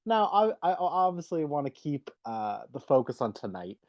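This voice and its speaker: A man's voice: a little high, very animated, normal speed. A man hosting an interview, chatty and enthusiastic, peppering his questions with "like" and "you know.". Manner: chatty, filler-heavy, enthusiastic. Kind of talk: casual interview talk. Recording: dull, muffled audio.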